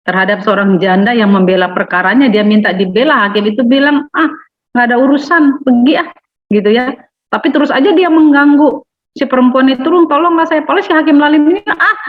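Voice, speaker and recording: Woman, fellowship teacher, animated, tinny phone-like sound. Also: mid-range voice. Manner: animated, acts out quoted voices. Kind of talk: casual teaching on prayer. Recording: tinny phone-line audio.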